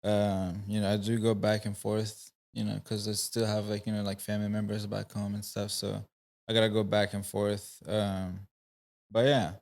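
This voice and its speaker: A man in his twenties from Rwanda, a painter answering interview questions in a relaxed way, leaning on "you know" and "like". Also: on the low side, moderate pace, creaky. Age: 20s. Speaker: guest painter. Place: podcast studio.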